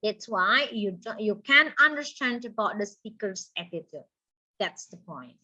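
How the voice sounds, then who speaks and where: An English teacher with an Indonesian accent lectures an online class in an expressive, mid-range voice with a sharp tone, going a little slowly. She repeats each point in two languages, and the audio is dull and lo-fi.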